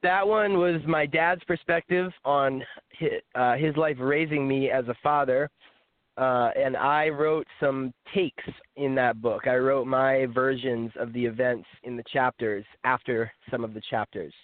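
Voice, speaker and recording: A man's voice: mid-range voice, fairly even intonation, a little slow, dry recording. A young man talking frankly as an author and guest in a casual interview, with the odd small laugh. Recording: dry, phone-like line.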